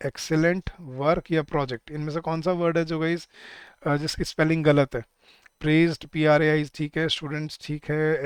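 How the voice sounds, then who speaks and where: A man teaching an exam-prep lesson, explaining in a mix of Hindi and English and reading English sentences slowly. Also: a little high, clean tone, dry recording. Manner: explains in Hindi mixed with English, often addressing viewers as guys.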